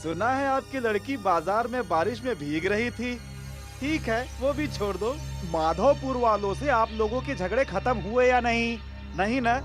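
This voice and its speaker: A man voicing a sneering village elder who needles with mocking questions, in a dubbed film. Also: very high-pitched. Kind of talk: Hindi film dub.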